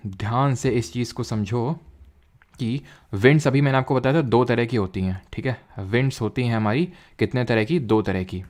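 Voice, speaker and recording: A young man teaching a geography lecture in casual mixed with terms, who asks quick questions and drills terms by repeating them. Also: mid-range voice, a little mellow.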